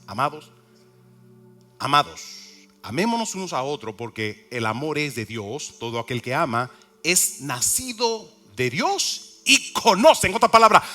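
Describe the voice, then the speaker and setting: A man's voice: mid-range voice, sharp tone. A male pastor preaching a sermon with emphasis, repeating key words and asking the congregation questions.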